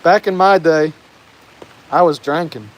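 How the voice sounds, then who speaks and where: At a measured pace, an American man with a slightly high voice reads viewer comments aloud during a casual outdoor live stream, standing in the rain as it falls around him. He laughs often and trips over his words, and the recording is rough.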